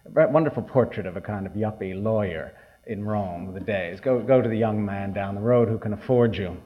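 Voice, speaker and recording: A poet giving a reading, heard through an old archival recording, unhurried and pausing with hesitant asides. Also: male voice, lowish voice. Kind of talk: poetry reading with remarks. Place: reading hall with an audience. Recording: dull lo-fi archival tape.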